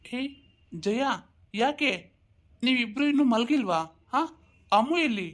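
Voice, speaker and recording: A woman doing a low, casual husband. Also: takes it slowly. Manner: casual, matter-of-fact, dropped into a low register. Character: grown man, husband, easygoing and brisk. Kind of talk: home-made family drama.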